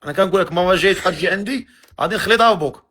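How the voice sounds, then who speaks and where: Speaking with a Moroccan accent in a high voice with a sharp tone, this male host runs a matchmaking live stream. He fires off quick questions to tease his guests.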